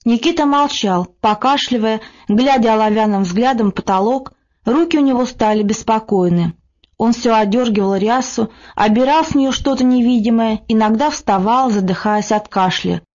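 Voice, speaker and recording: A woman narrates classic prose in an even, measured way, her voice sitting fairly high. The recording is dull and lo-fi, with the top end missing. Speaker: audiobook narrator. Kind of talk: scripted narration.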